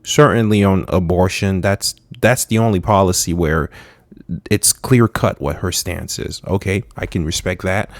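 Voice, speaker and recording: A young man from Haiti giving frank, halting political commentary, with many fillers and restarts. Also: deep voice, dry recording. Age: young adult.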